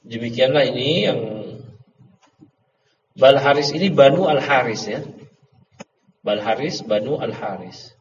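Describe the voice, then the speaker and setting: A man's voice: mid-range voice, a little slow, long pauses. A middle-aged man teaching an Arabic grammar class in a casual, chatty way, quizzing his students and slipping in joking asides. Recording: dull lo-fi audio with long reverb and faint noise.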